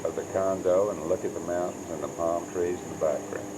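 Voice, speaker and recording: A man with a very deep voice narrates a family trip as he films, chatty and tour-guide-like. His voice comes through the camcorder's own mic with a steady hiss in the background, the sound of old camcorder audio. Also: fairly quick. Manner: chatty, travelogue-style commentary. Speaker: home video cameraman. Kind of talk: narrating a family home video. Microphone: camcorder's built-in mic. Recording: hissy old camcorder recording.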